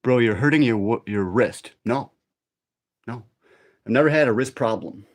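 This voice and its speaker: This is a livestream workout host, a middle-aged man whose mid-range voice keeps a moderate tempo. He talks to viewers in a loose, wandering, conversational way while exercising.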